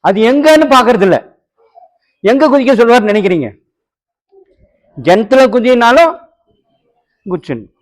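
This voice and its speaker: Guy preaching a sermon, really high voice, gets loud and punchy, acts out little scenes. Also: big pitch swings, moderate pace, pauses often, rough recording. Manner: acts out dialogue, rising to emphatic peaks. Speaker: evangelist preacher. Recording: online radio broadcast.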